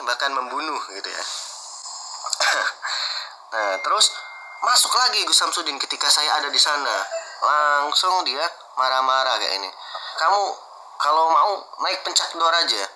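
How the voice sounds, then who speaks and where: A man telling the story of a heated dispute in a conversational, animated way, acting out what others said, with frequent "eh" fillers. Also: medium pitch, a little hiss or hum, rough recording. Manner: animated, acts out quoted exchanges, frequent "eh" fillers. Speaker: martial artist guest recounting events.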